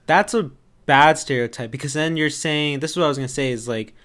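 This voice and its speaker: Young man, halting casual chat. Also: a little high, fairly bright tone. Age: young adult. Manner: halting, full of "like", laughs often. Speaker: podcast co-host.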